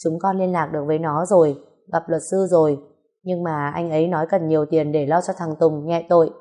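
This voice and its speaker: A woman's voice: low-pitched, fairly even intonation, a little fast, warm tone, natural voice. A woman reading the part of a firm, earnest middle-aged man pressing his mother. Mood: persuading. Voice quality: earnest, persuasive.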